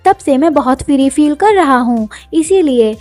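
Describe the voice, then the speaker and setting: A woman's voice: high-pitched, animated, a little slow, a little mellow, no echo. A clingy young nobleman who dotes on the girl he likes, as a woman puts him on in a manhwa recap. He talks in a pleading, affectionate way and sounds dry and close, with no room around him.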